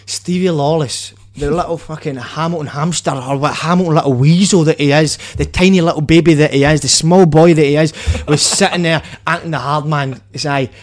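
A man with a west of Scotland accent telling casual stories in animated, sweary, matey banter. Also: a little high, fairly quick, few pauses. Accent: Scottish, west central. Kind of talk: casual storytelling chat.

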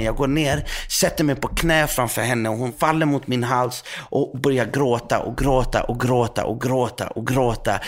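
Man, preacher, gravelly voice, mid pitch, earnest dramatic storytelling, lots of fillers. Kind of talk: conversational storytelling.

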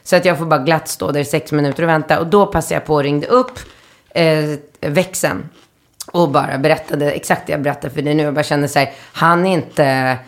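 A woman in her thirties, a podcast host telling a story in lively casual chat and acting out the people in it. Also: low voice. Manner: animated storyteller, acts out quotes loudly.

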